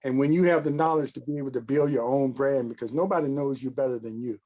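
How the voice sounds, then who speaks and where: A man hosting a casual talk show, giving measured, thoughtful commentary in long musing runs. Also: medium pitch, mellow.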